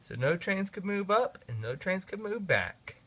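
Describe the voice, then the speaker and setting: A man reads a children's storybook aloud to his kids in an expressive, sing-song way. His fairly high, slightly rough voice rises and falls a lot, and he reads a little slowly.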